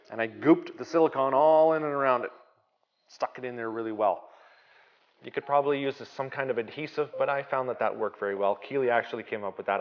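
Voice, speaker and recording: A Canadian man hosts a casual vlog, answering viewer questions in a relaxed, chatty manner full of ums and uhs. His voice is medium-pitched, and the lo-fi recording carries a long reverb.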